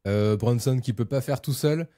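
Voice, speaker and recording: A man co-hosting a casual basketball podcast, relaxed and hesitant, with many fillers. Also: medium pitch, moderate pace. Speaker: podcast co-host. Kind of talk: casual chat about basketball.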